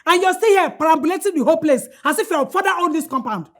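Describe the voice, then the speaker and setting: A high-voiced Nigerian quarreler. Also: female voice, expressive, fast talker. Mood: taunting. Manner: taunting, repeats her challenges. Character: quarrelsome woman picking a fight.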